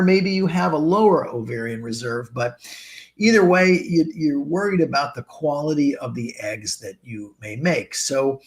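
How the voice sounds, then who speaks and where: A man's voice: medium pitch, gravelly, a little mellow. A man, a fertility doctor, explaining answers to viewer questions on a live show, with many ums and restarts. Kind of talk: live Q&A chat.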